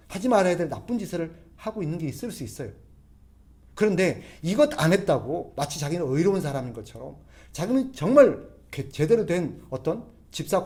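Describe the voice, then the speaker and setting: Lively, fairly high-voiced male preacher. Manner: keeps asking the congregation rhetorical questions; conversational preaching with everyday examples. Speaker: pastor. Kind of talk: expository sermon.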